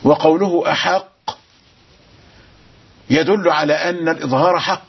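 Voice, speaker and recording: A man teaching Quran recitation rules, explaining quickly and chanting verses slowly and melodically. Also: fairly high pitch, slightly rough. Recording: dull lo-fi broadcast sound.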